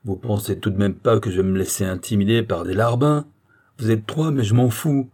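A man voicing a brash, coarse young farmer nephew who talks rough and rude. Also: fairly low pitch, moderate pace, warm tone, close to an everyday voice. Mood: belligerent.

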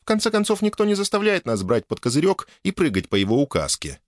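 A man's voice: on the high side, wildly swooping pitch, quick pace, no echo, studio quality, pitched above the performer's own voice. A man reading an audiobook, voicing a haughty young noblewoman who speaks in a purring, imperious way, in a raised voice. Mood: coaxing.

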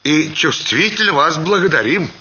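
A man's voice: fairly high pitch, lively intonation, normal speed, pushed and bright, husky, dull audio, voice pushed up, heavily acted. A man doing a sheepish tipsy little peasant. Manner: apologetic, fawning.

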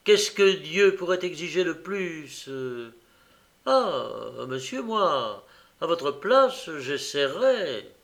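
A man's voice: high voice, expressive, takes it slowly, fairly bright tone, voice pushed up, heavily acted. A man voicing a young man earnestly urging an old gambler. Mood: persuasive. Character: calm young man urging a bold test.

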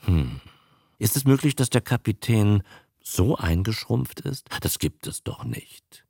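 Man doing a mild, pitying gentleman. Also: lowish voice, sing-song, unhurried, vocal fry, slightly rough, no echo, studio quality, heavily acted. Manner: mild, sympathetic. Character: kindly middle-aged man, compassionate and puzzled.

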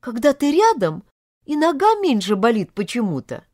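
A lovesick young woman, voiced by a female reader, begging in a high, tearful voice. Her pitch leaps and swings wildly from line to line. The recording is close and dry, with no room sound. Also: big pitch swings, moderate pace, darkish tone, no echo. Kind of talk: audiobook character voice.

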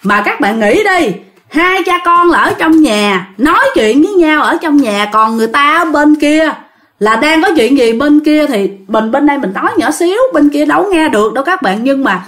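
A woman's voice: high voice, lively intonation, normal speed, a bit bright. A woman hosting a ghost story channel, chatting to listeners and sounding a bit tired. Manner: chatty, addresses listeners directly.

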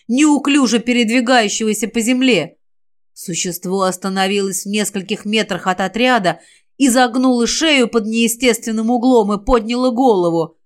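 A woman reading a fantasy novel as an audiobook in a measured, even way, giving each character a voice. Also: mid-range voice. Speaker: audiobook reader. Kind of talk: scripted narration of a fantasy novel.

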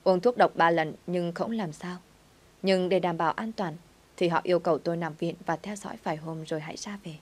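A woman narrating a dramatic story in the first person with an even, steady reading. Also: lowish voice, fairly quick.

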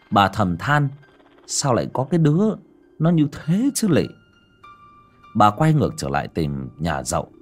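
A man narrating a ghost story in a dramatic, lively storytelling manner. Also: on the low side.

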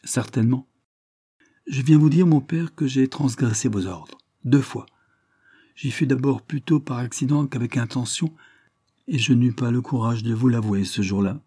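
A man's voice: mid-range voice, normal speed, dark tone, breathy edge, dry recording, studio quality, pitched above the performer's own voice, lightly acted. A man reading aloud, voicing a distressed young woman who begs her father through tears. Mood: pleading. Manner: tearful, imploring, voice raised.

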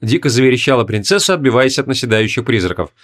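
Guy reading a fantasy audiobook, mid voice, slow and deliberate. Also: mid-range voice, expressive. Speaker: audiobook reader. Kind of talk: scripted narration.

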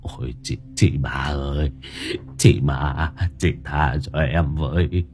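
A man's voice: low voice, expressive, normal speed, faint music behind, pitched below the performer's own voice. A man doing a stammering, terrified old villager. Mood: pleading. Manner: stammering, pleading.

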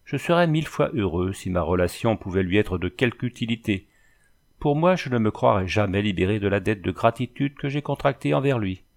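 A man reading a classic novel aloud as scripted narration, in a measured, even storytelling delivery. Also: lowish voice, creaky. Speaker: audiobook reader.

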